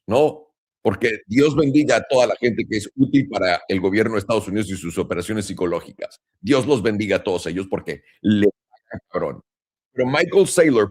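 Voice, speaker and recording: A man with a Mexican Spanish accent rants to the camera as a crypto trading commentator. He talks in a blunt, profane and sarcastic way, in a voice of ordinary middle pitch. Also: darkish tone. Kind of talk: casual ranting monologue.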